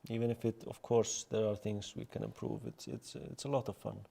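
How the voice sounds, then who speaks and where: Laid-back co-host, low gravelly voice, dark mellow tone, short answers. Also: male voice, very animated, fairly quick. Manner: brief, laid-back replies. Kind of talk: casual live-stream chat.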